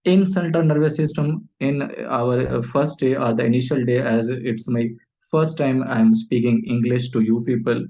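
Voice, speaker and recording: In a rough recording, a Pakistani man teaches a medical class in English, his native tongue being Urdu. He has a mid-range, dark voice with fairly even intonation, and he keeps pausing on fillers, repeating himself, and posing questions he then answers.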